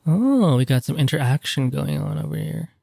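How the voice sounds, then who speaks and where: A man's voice: fairly high pitch, little pitch movement, brisk, creaky, a little mellow, dry recording. A man giving commentary while playing a horror game, jumpy and nervous, cursing often. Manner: jumpy, swears a lot, nervous exclamations. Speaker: gamer.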